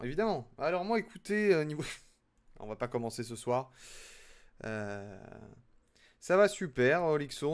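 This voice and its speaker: A man's voice: mid-range voice, smooth. A young man chatting casually with his live-stream audience as he builds, chatty and self-mocking. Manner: chatty, self-mocking, talks to chat while working.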